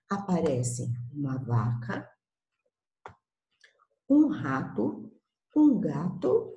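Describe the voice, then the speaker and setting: A woman's voice: deep voice, creaky, mellow. A Brazilian woman teaching young children in Portuguese, patiently explaining step by step and checking in with them often. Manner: patient, coaxing, uses small diminutives and checks in often. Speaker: primary school teacher. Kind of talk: recorded class for young children. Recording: echoey room.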